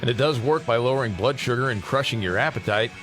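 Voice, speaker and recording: A man's voice: medium pitch, fast talker, over music. A man hosting a radio talk show, chatting casually and telling stories with animation. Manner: animated storyteller. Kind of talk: casual studio banter.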